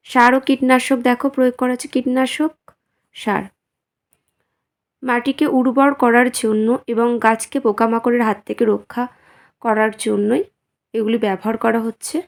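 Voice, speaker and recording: A woman teacher who is feeling unwell explains a science lesson slowly and simply, asking her students questions and answering them herself. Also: fairly high pitch. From West Bengal, India. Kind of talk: slow, simple classroom explanation.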